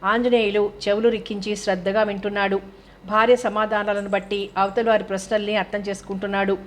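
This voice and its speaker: Woman reading a novel aloud, pretty flat, calm, mid pitch. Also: fairly quick. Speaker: narrator. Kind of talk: audiobook novel narration.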